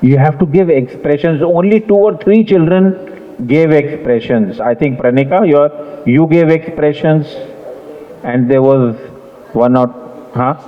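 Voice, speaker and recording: A man's voice: a little high, drawn-out words. A man giving playful, teasing feedback to students as a competition judge, acting out his points. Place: school hall. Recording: muffled reverberant hall.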